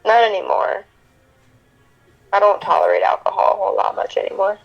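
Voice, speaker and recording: A woman's voice: mid-range voice, fairly even intonation, a little fast, vocal fry, lo-fi sound, faint music behind. A woman in her twenties from Kentucky, a podcast guest who talks candidly and swears casually. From Kentucky, USA. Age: 20s. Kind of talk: casual chat.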